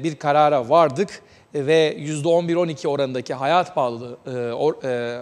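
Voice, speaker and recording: A man hosting a TV talk show, giving news commentary with a measured delivery and many hesitant filler sounds. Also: on the high side, long reverb tail.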